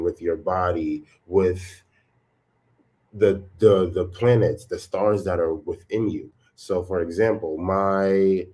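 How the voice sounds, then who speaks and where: A man talking in a relaxed, earnest and reflective way in a casual conversation. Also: sits low.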